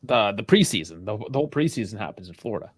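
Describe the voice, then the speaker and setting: A man's voice: on the low side, sing-song, racing, slightly rough. A man hosting a sports call-in show, loose and laughing, swearing casually. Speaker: host.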